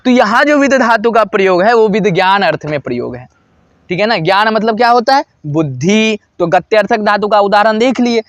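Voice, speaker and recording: A man teaching a Sanskrit grammar lesson, who asks questions and answers them himself and repeats each example slowly. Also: sits high, animated, no echo.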